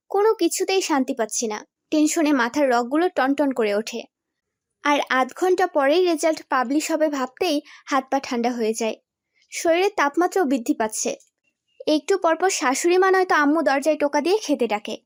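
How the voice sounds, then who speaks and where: A young woman narrating a story in the first person, expressive and storytelling. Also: high-pitched, no echo, clean studio sound.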